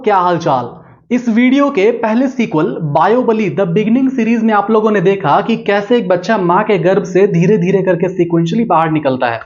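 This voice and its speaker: A man's voice: high voice, darkish tone, muffled recording. A young man teaching biology in a playful, joking way, often checking in with his listeners. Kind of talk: playful explainer lesson.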